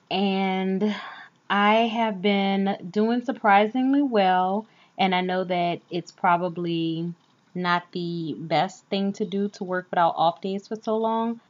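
A woman's voice: fairly low pitch, muffled recording. A woman hosting a podcast solo, chatting in an informal, candid way. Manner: informal, candid, uses y'all. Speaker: podcast host. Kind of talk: casual solo podcast chat. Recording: slightly off, recorded on wrong mic.

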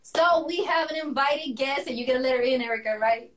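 A woman's voice: high voice, fairly quick, roomy sound. A woman guesting on a livestream, talking energetically and hyping up the audience. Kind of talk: casual livestream chat.

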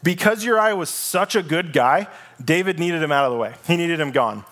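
A man's voice: a little high, lively intonation, moderate pace, a bit bright. A male pastor preaching a sermon in a casual, conversational storytelling manner, reading scripture aloud.

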